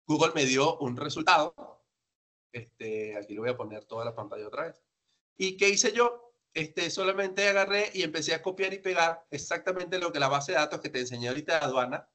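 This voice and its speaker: Raised outside Peru but now living there, this man trains salespeople with an emphatic, conversational, instructive style, frequently asking his own questions and answering them. His voice is on the high side, pushed and bright.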